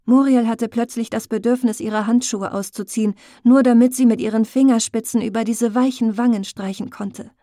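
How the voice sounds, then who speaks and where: A woman narrating an audiobook in a slow, intimate, emotive storytelling manner, recorded close on a studio mic. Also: a little high, steady tone, mellow, dry recording. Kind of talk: scripted narration.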